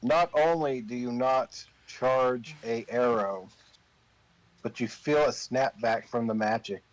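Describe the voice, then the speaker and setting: A man narrating a tabletop game as game master, improvising the story in a deliberate, pausing way. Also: medium pitch, highs cut off.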